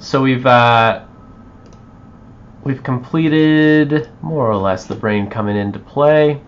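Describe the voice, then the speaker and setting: Slow-talking man muttering through an edit. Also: on the low side, muffled recording, slight background noise. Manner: thinks aloud while working, trails off into quiet mutters. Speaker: video editor on a livestream. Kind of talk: live editing walkthrough.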